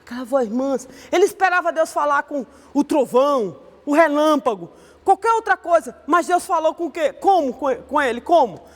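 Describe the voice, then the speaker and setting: A woman's voice: sits high, expressive, normal speed, in a large hall. A woman with a Brazilian accent teaching an online Sunday school Bible lesson in a conversational way, often ending her sentences with a questioning tag. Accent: Brazilian Portuguese.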